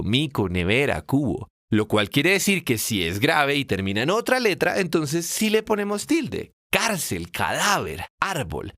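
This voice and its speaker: A man narrates an explanatory lesson in a playful storytelling way. His pitch rises and falls with a lot of life. The recording is dry and close, with no room sound. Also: no echo. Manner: lively, playful storytelling with acted dialogue. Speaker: educator explaining Spanish accent marks.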